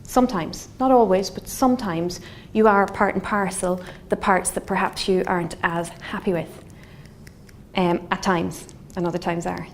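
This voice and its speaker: A middle-aged woman from Galway with a west of Ireland accent, a scientist giving an explanatory lecture in a thoughtful, halting, semi-conversational way. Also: fairly low pitch. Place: indoor wood-panelled lecture room. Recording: faint steady room noise.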